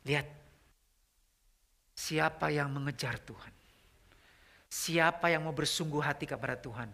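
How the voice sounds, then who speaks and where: A middle-aged man preaching a youth sermon in a conversational way, asking the audience questions and swinging from loud, rising questions to hushed, near-whispered lines. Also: a little high, unhurried, creaky.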